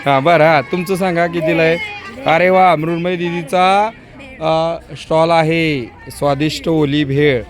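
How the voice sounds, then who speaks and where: A male school teacher touring an outdoor school market, briskly coaxing children with quick prompts. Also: on the high side, fairly even intonation. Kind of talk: walking tour of a school market stall by stall. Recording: noisy crowd of children outdoors.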